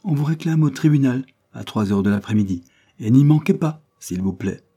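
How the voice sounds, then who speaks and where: A man reading an audiobook, voicing a good-humoured, mocking man who speaks calmly and teasingly. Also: lowish voice, a little fast, breathy edge. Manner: calm, laughing, teasing.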